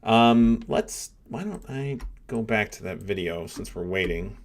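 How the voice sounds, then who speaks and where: A middle-aged neuroscience professor hosts a live stream, his lowish voice lively in intonation and measured in pace. He offers casual reaction commentary and thinks aloud, using lots of fillers.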